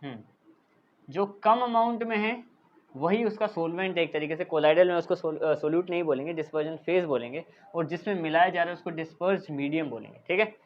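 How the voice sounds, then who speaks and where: A man's voice: a little high, muffled recording. Man teaching a science class. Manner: explanatory, repeats "thik hai" as a check-in; dictates English definitions slowly while writing. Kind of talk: classroom lecture.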